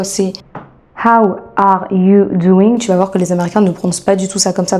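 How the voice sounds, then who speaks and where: A woman giving a casual video lesson as an English coach, chatting and slowly repeating English phrases for practice. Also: mid-range voice, warm tone.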